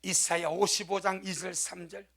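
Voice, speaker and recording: A male pastor from South Korea delivers a sermon in a church, hammering home key phrases and slowing down to read scripture. His voice sits high and bright, with a gravelly edge running through it. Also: level tone. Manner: emphatic preaching, repeats key phrases, slow scripture reading.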